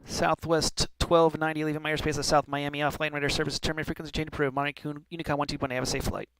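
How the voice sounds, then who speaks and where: A man's voice: a little high, level tone, racing. A man working as an air traffic controller, giving clipped formal instructions with occasional informal asides. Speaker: air traffic controller in online flight simulation.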